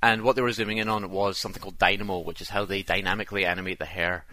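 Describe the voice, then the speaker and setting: A man's voice: low-pitched, fairly even intonation, racing, pushed and bright. A man co-hosting a casual podcast, chatty and rambling. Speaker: podcast co-host. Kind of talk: casual chat.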